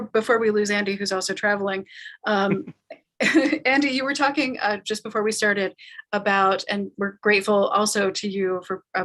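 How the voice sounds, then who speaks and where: A talkback moderator leads a live panel discussion in a halting, thoughtful manner, circling around her phrasing. Her voice is medium-pitched and a bit bright.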